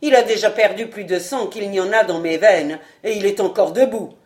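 A woman's voice: mid-range voice, moderate pace, a little mellow, lightly acted. A woman voicing a cruel, ironic male ex-acrobat who mocks his dying foe, in a storybook reading. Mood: mocking. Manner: ironic, sneering.

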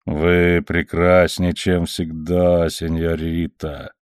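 A man's voice: lowish voice, moderate pace, no echo, clean studio sound, natural voice. A man reading the part of an arrogant army captain who courts a young lady in a smug, ingratiating, mocking way. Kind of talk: audiobook character reading.

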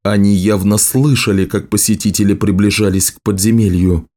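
A man's voice: on the low side, flat delivery, moderate pace, dark tone. A man steadily reading a fantasy novel aloud as the audiobook narrator.

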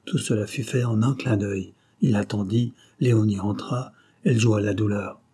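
A male narrator reads a classic novel in a low, husky voice. His tone is dark and mellow, and the delivery stays measured and even. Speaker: audiobook narrator. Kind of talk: scripted narration.

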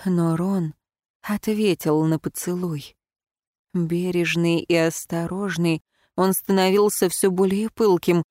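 A woman reading first-person fiction aloud in an expressive, emotional way. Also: lowish voice, slow pace, dry recording, studio quality. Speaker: audiobook narrator.

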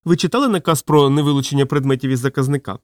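A man reading an audiobook, voicing a thin, stern official who speaks quietly and threateningly. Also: mid-range voice, very fast, dry recording, clean studio sound, close to an everyday voice. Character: thin, stern male official, coldly menacing. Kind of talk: audiobook character voice.

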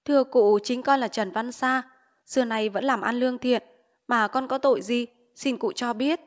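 A frightened young man pleads humbly before an official in an audiobook, voiced by a woman narrator. His voice sits high and keeps its begging tone. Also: fairly even intonation, normal speed, close to an everyday voice. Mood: pleading. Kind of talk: audiobook character voice.

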